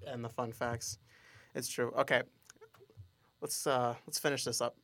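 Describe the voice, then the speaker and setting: A man's voice: mid-range voice, level tone, measured pace, a bit bright, no echo. A man from Mexico hosting a casual podcast chat, leading the segment and listing the teams. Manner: leads the segment, lists teams. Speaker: podcast host.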